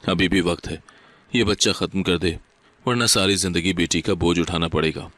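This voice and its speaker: A man's voice: low voice, fairly even intonation, a bit bright, no room sound. A man reading the lines of a harsh, taunting mother-in-law in a storybook narration. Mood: scornful. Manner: taunting, contemptuous. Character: harsh scolding mother-in-law, older woman.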